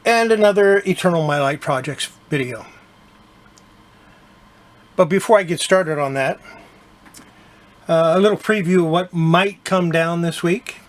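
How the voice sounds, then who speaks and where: An older man hosting his own collecting channel, casually showing items from his collection with a relaxed, chatty manner. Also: fairly high pitch, unhurried, long pauses. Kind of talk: casual collection show-and-tell.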